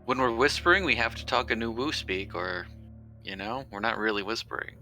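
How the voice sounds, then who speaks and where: A man's voice: mid-range voice, fairly quick, pushed and bright, soft background music, low-quality recording. A man talking casually as a player in a tabletop role-playing game. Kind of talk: casual gaming chat.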